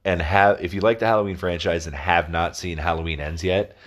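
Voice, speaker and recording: Deep-voiced man rambling on a podcast. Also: steady tone, fairly quick. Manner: rambling, swears freely. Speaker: podcast co-host. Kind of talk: casual chat.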